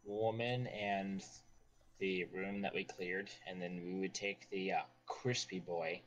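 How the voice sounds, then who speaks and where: Low-voiced male tabletop player. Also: fairly even intonation, slow pace, fairly bright tone, highs cut off. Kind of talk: casual game chat.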